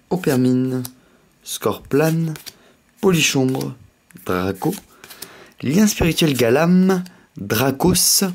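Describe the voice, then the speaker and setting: A man with a slight lisp hosting a casual unboxing, chatting in an excitable way. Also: medium pitch. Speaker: host of a card pack opening video.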